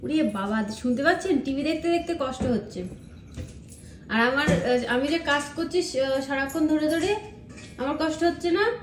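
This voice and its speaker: A woman from India speaks in a slightly high voice. She narrates a casual vlog from her family home and talks like a mother. She chats with viewers and keeps pointing things out to them. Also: moderate pace, a little hiss or hum. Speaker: vlogger and mother.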